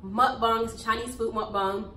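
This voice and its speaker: A woman's voice: a little high, fairly even intonation, measured pace, pushed and bright, slight background noise. A woman in her twenties, co-hosting a couples channel, chatting casually while she eats. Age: 20s. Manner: laid-back, chatty, talks while eating. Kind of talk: casual mukbang chat. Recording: echoey room, a bit off-mic.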